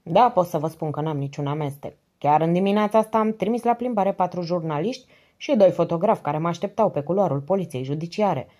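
A woman's voice: lowish voice, mellow, close to an everyday voice. A woman reading the lines of a stern middle-aged male police commissioner in an audiobook, curt and businesslike on the phone. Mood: brisk.

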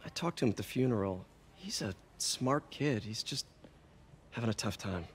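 A man's voice: lowish voice, animated, normal speed, a little hiss or hum. An actor voicing a wisecracking young male superhero in a video game, casual and easygoing. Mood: gentle.

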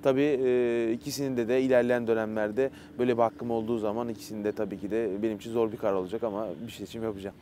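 A man's voice: on the low side, level tone, racing, hardly any pauses, mellow. A man working as an interpreter, relaying answers in a sports interview outdoors. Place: outdoors on a training pitch. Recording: faint outdoor background noise.

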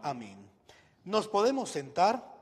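Male minister, solemn and measured, high voice in a big echoing church. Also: wildly swooping pitch, husky. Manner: solemn, measured liturgical delivery. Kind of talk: leading a church service. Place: large church. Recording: long reverb in a large church hall.

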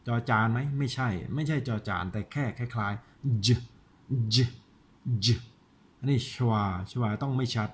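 A man, a father giving a casual home-video lesson on English pronunciation, chatting and slowing down to sound out words. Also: medium pitch, breathy edge.

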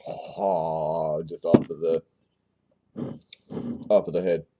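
Beer-review host, male, deep and very dark tone, rambling and casual with frequent restarts. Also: little pitch movement, slow, a little hiss or hum. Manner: rambling, stumbles over words.

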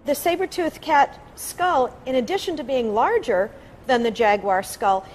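A woman explaining as an expert in a nature documentary, with measured, deliberate phrasing. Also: high-pitched, animated. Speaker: paleontologist interviewee. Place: indoor laboratory. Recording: faint room ambience noise.

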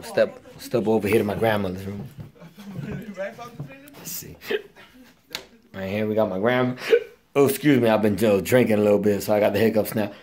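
A man's voice: lowish voice, expressive, normal speed, pauses often, darkish tone. A young man giving a loose, slangy, swearing walking tour of a house, talking to a handheld phone camera. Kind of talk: casual, profane walking tour. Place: inside a house, walking room to room.

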